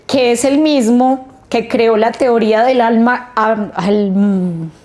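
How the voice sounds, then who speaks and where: A woman teaching a literacy training workshop, explaining slowly and stretching out the sounds of words. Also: on the high side, warm tone. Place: training room.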